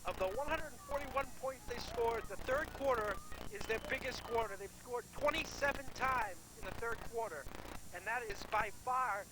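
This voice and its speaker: Very high-voiced male football color commentator. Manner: halting, thinking aloud. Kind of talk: live sports analysis. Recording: noisy live outdoor game recording.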